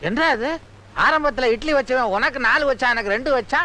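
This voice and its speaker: An actor playing a grumpy, greedy wedding guest who grumbles and complains indignantly, in a film comedy. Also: male voice, very high-pitched, fairly quick, sharp tone. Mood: grumbling.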